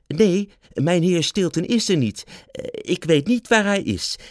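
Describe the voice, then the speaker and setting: A man voicing a male mouse who fakes a squeaky, hesitant voice so he is not recognised, in a storybook reading. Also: animated, a little slow, no room sound, clean studio sound. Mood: evasive.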